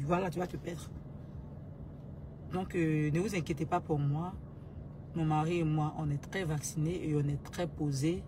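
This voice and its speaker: A woman being interviewed as a guest artist, speaking in a calm, measured way, often hesitating and repeating words as she thinks. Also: low voice, a little hiss or hum. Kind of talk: talk-show interview answer.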